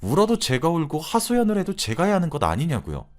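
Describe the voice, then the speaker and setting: A man's voice: a little high, huge pitch swings, quick pace. A man narrating a wife's real-life story in a chatty, confiding storyteller's manner. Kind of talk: scripted narration of a listener's story.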